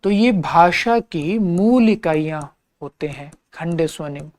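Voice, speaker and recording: A man's voice: fairly high pitch, expressive, takes it slowly, darkish tone, slight background noise. A man teaching an exam-prep lecture, patiently repeating key terms and checking in with his listeners.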